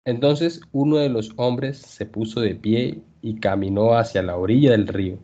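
A male language teacher reading a story aloud for learners, clear and measured. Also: fairly low pitch, mellow. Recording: dull lo-fi podcast audio.

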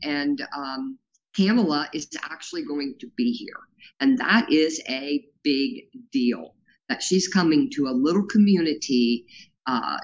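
Measured in pace and lively in intonation, this low-pitched woman talks as a grassroots organizer in a casual interview. Her earnest, rambling speech is full of fillers and delivered powerfully, though the audio is dull.

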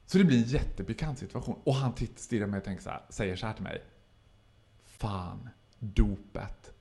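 A man's voice: mid-range voice, expressive, mellow. A man telling a long, funny anecdote in casual podcast chat. He acts out other people's lines in voices and laughs often. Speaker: podcast guest telling stories.

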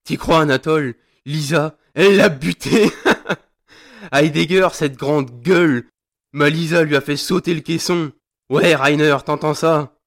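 A man's voice: fairly high pitch, a little slow, a bit bright. An actor playing a grieving, vengeful sergeant who snarls, taunts and swears at his captive. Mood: gloating. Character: grieving vengeful male sergeant, furious, crude. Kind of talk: audio drama acting.

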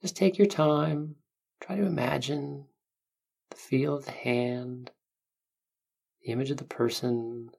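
A meditation guide speaking gently and unhurriedly, with long pauses between soothing instructions. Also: mid-range voice, creaky, slightly rough. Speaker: meditation guide, podcast host.

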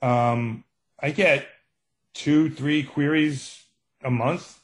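A man's voice: medium pitch, fairly even intonation, extremely slow. Middle-aged Brooklyn guy, chatting. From Brooklyn, New York. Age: middle-aged or older. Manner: anecdotal, acts out quoted exchanges. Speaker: true crime author, podcast guest. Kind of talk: casual interview chat.

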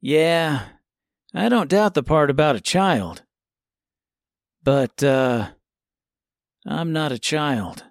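A man's voice: fairly high pitch, lively intonation, takes it slowly, vocal fry, pauses often, no room sound, studio quality, heavily acted. A man voicing a nonchalant, cocky boy swordsman with a breezy, mocking way of talking.

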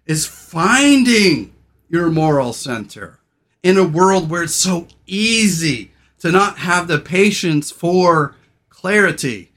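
A man hosting a podcast, brash and irreverent, loud radio-style delivery that drops to low, slow, soft talk when sincere. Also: lively intonation. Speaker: podcast host. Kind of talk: casual podcast chat.

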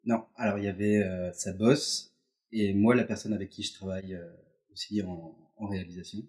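A man's voice: on the low side, fairly even intonation, moderate pace, a little mellow. A man in his thirties, a guest telling stories loosely with lots of fillers, in a home setting. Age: 30s. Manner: loose, filler-heavy storytelling. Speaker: interview guest. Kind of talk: casual chat. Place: couple's apartment.

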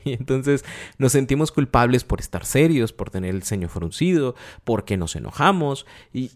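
A man with a Mexican Spanish accent giving an explanatory talk about emotions, expressive and acting out everyday dialogues. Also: mid-range voice. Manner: expressive, acts out everyday dialogues, laughs often. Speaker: emotional wellbeing speaker.

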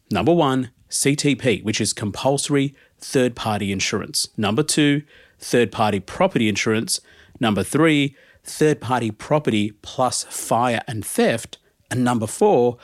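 A man's voice: mid-range voice, no echo, studio quality. A man hosting a podcast, giving a prepared explainer. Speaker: podcast host.

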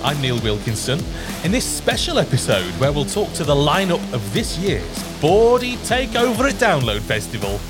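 A man's voice: fairly high pitch, sing-song, normal speed, music in the background. A British man hosting a podcast with casual, teasing banter. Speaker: podcast host.

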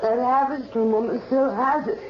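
Woman playing a high-voiced, fretful sanatorium inmate. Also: steady tone, normal speed, natural voice. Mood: obsessive, plaintive. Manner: pleading, plaintive, fearful. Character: fretful, childlike, lonely female sanatorium inmate. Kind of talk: radio horror drama acting. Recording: dull lo-fi drama, noisy background.

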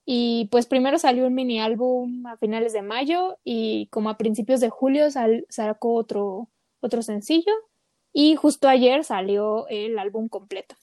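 A woman's voice: a little high, unhurried, warm tone, dry recording. A woman co-hosting a casual podcast chat, talking with lots of fillers. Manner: chatty, many fillers. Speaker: podcast co-host.

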